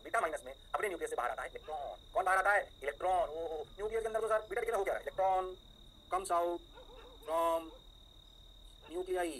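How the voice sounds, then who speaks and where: A man teaching a physics lecture, animated, answering his own questions on behalf of the class. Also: on the high side, slight background noise, rough recording.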